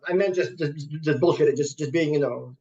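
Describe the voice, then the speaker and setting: Halting high-voiced man, often repeating words. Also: warm tone, highs cut off. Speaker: guest, computer science professor. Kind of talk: conversational interview.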